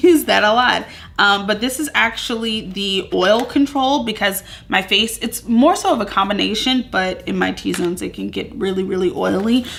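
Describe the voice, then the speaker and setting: A chatty woman in her thirties hosts a relaxed beauty vlog from her home. She talks in an upbeat, rambling way, leaning on filler words as she goes. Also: medium pitch, gravelly, slight background noise. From Southern US. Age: 30s. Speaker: beauty vlogger. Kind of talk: casual chatty get-ready-with-me vlog. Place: at home among moving boxes.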